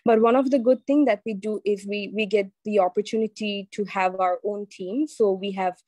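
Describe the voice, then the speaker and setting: A woman's voice: mid-range voice, steady tone, normal speed, mellow, no echo. A woman moderating an online session, introducing it and the guest with many ums and uhs.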